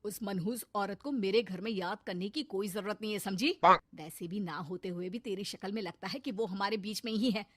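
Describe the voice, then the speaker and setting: A woman's voice: mid-range voice, normal speed, dry recording, natural voice. A woman voicing a firm middle-aged husband and father who scolds matter-of-factly in a cartoon story.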